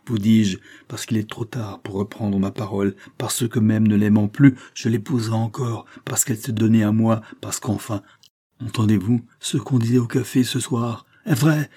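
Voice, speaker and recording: A man's voice: lowish voice, little pitch movement, moderate pace, dark tone, husky. A man voicing a passionate, stubborn young nobleman who pleads and swears. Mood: vehement. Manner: pleading then vehement.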